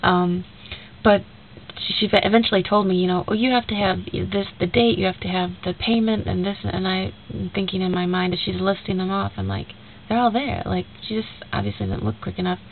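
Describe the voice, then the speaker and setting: A young woman's medium-pitched, creaky voice sounds stuffy and nasal because of a cold. Chatting casually to a friend in a rambling video message, she retells a conversation with plenty of fillers, and the audio is tinny and lo-fi with faint hiss.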